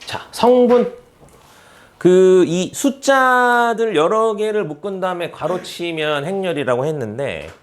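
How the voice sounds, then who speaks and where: A man teaching a math class, repeating key terms and constantly checking understanding with rhetorical questions he answers himself. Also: on the high side. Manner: answers his own questions, teasing students who skipped class.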